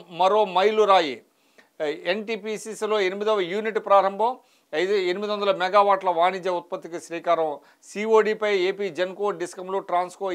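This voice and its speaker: Guy going thru the morning papers, reads each headline then a quick comment, smooth clear voice, a bit high. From Telugu states of India. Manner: reads headlines then adds brief remarks, occasional restarts. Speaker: news analyst reading headlines. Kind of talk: newspaper headline review.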